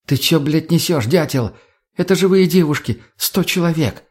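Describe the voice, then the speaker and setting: A man voicing a young woman who is outraged and weary, shouting and swearing at her comrades. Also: a little high, normal speed, slightly rough, pitched above the performer's own voice. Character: young woman, conscience-stricken, angry and weary. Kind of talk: audiobook character voice.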